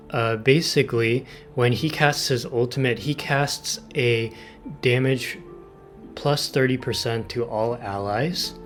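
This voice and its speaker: A breathless man talking through a game guide with a slow, unhurried delivery. He rambles and stumbles over restarts, apologizing as he goes, with faint music playing under his voice. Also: mid-range voice. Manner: rambling, self-deprecating, halting with restarts. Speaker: gaming video host. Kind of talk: casual game guide commentary.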